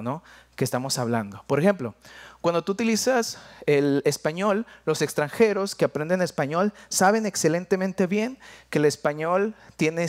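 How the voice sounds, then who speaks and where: A young Mexican man with a Jalisco accent and a fairly high voice preaches a sermon in a playful, conversational style, now and then dropping into quiet asides.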